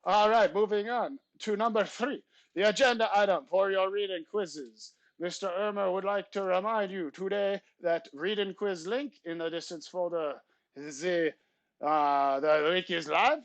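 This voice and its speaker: A man's voice: sits high, fairly even intonation, measured pace, no echo. A man putting on a pompous French substitute teacher. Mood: announcing. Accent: put-on French. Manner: formal, stilted phrasing with theatrical flourishes. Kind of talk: comic class announcements in character.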